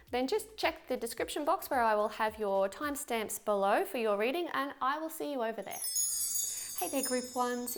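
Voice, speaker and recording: A young woman doing a casual tarot reading for viewers, chatty and friendly with quick asides and fillers. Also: a little high. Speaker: tarot reader.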